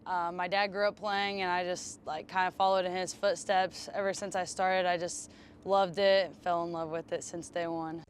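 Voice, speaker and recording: A young woman, a college softball player, answering interview questions casually with many fillers. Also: on the low side, flat delivery, moderate pace, slight background noise. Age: young adult.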